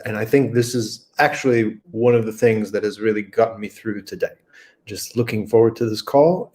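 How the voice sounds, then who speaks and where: Male guest from rural Kentucky, mid-pitched, casual and unscripted, lots of ums and restarts, on a video call. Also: a little mellow. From rural Kentucky, USA. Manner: thinks aloud, many fillers and restarts. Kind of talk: unscripted conversational interview.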